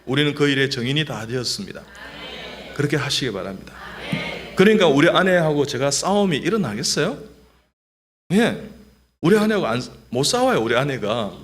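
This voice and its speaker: A man's voice: mid-range voice, a little fast, pauses often. A middle-aged man, a doctor, giving a humorous testimony in church and leading the congregation in repeating phrases. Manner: lively, joking, leads the congregation in repeating phrases.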